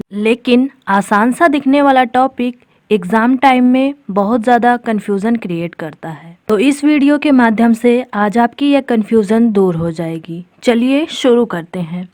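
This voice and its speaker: A woman's voice: on the high side, a little mellow, no echo, clean studio sound. A woman teacher explaining a grammar topic step by step for exam preparation, addressing viewers directly as friends. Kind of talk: exam-prep grammar lesson.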